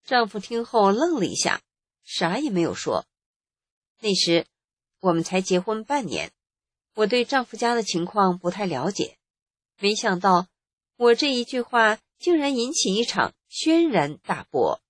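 Husky-voiced woman telling her life story. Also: mid-range voice, big pitch swings, unhurried, dry recording. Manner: emotional, earnest recounting. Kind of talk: first-person life story narration.

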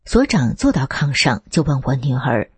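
A woman reading a first-person account as scripted narration, lifting her pitch for quoted speech. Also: sing-song, moderate pace, breathy edge, dry recording. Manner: reads steadily, lifts the pitch for quoted speech.

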